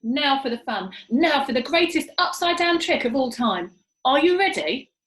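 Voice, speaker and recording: A woman voicing a bossy, impatient monkey father in a storybook, shouting frantic orders. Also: sits high, animated, moderate pace, roomy sound. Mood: excited.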